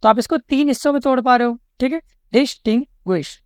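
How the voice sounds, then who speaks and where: A woman's voice: high-pitched, clear, resonant tone, no room sound, studio quality. A woman with an Indian accent, tutoring exam questions step by step and checking in after nearly every point. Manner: says "theek hai" and "chalo" after nearly every step; reads English question lines slowly and deliberately.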